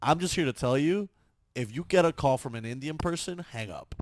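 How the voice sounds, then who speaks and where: A man co-hosting a casual podcast, joking and rambling, quick to laugh at his own tangents. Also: on the high side, animated, dry recording. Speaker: podcast co-host.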